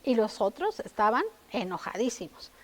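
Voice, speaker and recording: A woman delivers a sermon in a high, bright voice. She tells her story and keeps turning to the congregation with questions. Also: big pitch swings, moderate pace. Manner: storytelling, addresses listeners with questions. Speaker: preacher.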